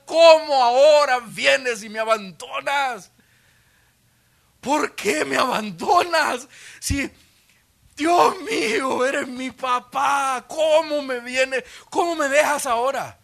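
A man preaching a sermon in a church auditorium, acting out a forsaken man who cries out to God in anguished, shouted pleas. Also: extremely high pitch, slow pace, creaky, pitched above the performer's own voice, heavily acted. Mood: anguished pleading.

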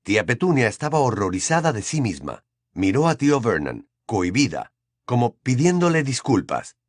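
In this scripted audiobook narration, a man with a mid-range voice tells the story expressively at a moderate pace. The studio recording is clean, with no room sound at all.

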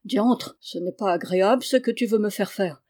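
A woman reading aloud the part of a gruff, repentant farmer father in a classic storybook. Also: medium pitch, moderate pace, a little mellow, lightly acted.

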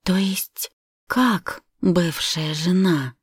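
A woman voicing a hysterical, furious pregnant young wife who shouts shrill accusations. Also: slow, slightly rough, dry recording, clean studio sound. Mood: bewildered.

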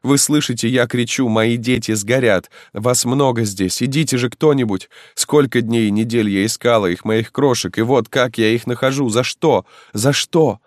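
Man doing a desperate peasant mother, high strained voice, wailing pleas, dry close sound. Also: moderate pace, hardly any pauses, no echo, natural voice. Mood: frantic. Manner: pleading, wailing cries for help.

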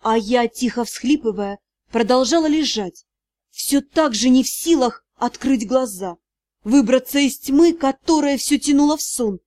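A woman's voice: sits high, animated, measured pace, a little mellow, dry recording. Emotional woman narrating a storybook. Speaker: audiobook narrator. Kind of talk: first-person storybook narration.

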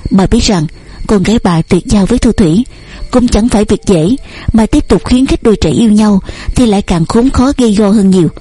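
A woman narrating a story in a steady, measured way. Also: medium pitch, breathy edge. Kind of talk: audiobook narration. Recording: faint music underneath.

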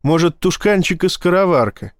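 A man's voice: sits high, expressive, no room sound, studio quality, voice pushed up. A man voicing a spirited, brash young woman pilot in an audiobook. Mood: defiant. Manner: brisk, feisty.

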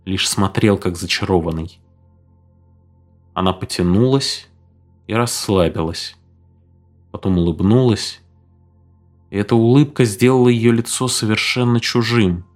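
A man narrating an audiobook in a measured, hushed manner. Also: on the low side.

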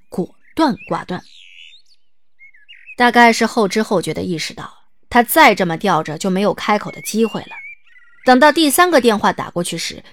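A woman reading the narration of an audio drama in a smooth, lightly wry storytelling manner. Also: medium pitch.

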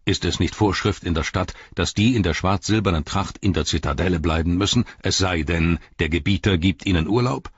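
A man doing a stern old wizard, low husky voice, slow and heavy, dry sound. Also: no room sound, muffled recording. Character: old wizard, grave, weary and commanding.

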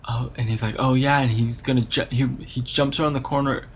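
A man's voice: medium pitch, steady tone, quick pace, a bit bright, a little hiss or hum. A man co-hosting a podcast, chatting casually about a book and rambling through half-finished thoughts. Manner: rambling, with restarts and trailing-off thoughts. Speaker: podcast co-host.

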